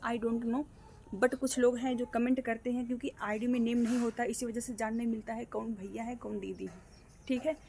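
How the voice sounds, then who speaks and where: A young vlogger from Ambedkar Nagar, Uttar Pradesh, India, chats casually with her viewers outdoors beside a guava tree, recording on her phone and calling them "guys" again and again. Her voice is fairly high with a darkish tone, over slight background noise.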